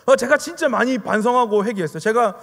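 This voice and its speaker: A male pastor preaching to a youth group, telling a story in an animated way with many rhetorical questions. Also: very high-pitched, fast, vocal fry, in a large hall.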